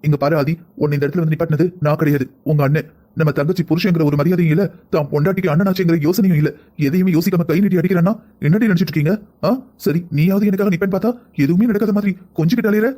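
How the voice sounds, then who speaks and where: A man speaks quickly in a somewhat high voice. He scolds and argues as a husband in a cartoon family drama. His lines come out rapid and sharp. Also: fairly even intonation. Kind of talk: Tamil cartoon voice acting.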